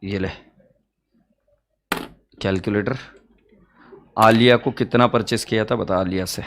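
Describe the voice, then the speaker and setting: A man's voice: fairly low pitch, steady tone, a little slow, background noise. A man teaching accounts in a joking, teasing lecture, humming little sound effects as he works. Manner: teasing, playful, hums sound effects while working.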